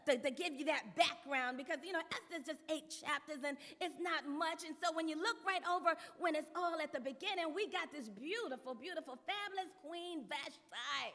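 A woman preacher retelling a story in a sermon, lively and conversational, with many restarts. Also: high voice, moderate pace, hardly any pauses, long reverb tail.

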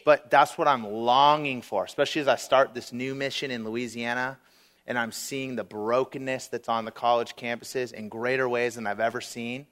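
A man's voice: medium pitch, fairly even intonation, moderate pace, a bit bright. A man preaching as a guest speaker, earnest and conversational, telling stories and acting out prayers with casual fillers. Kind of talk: sermon.

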